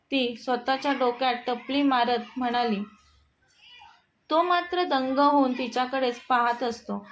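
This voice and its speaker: A woman narrating a romantic short story in a steady, plain reading voice. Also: high-pitched, measured pace, a little hiss or hum.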